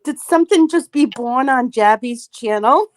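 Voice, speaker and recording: Gushing woman chatting slowly, dry sound. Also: high voice, animated, no room sound. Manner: effusive, gushing, emotional. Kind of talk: casual livestream chat.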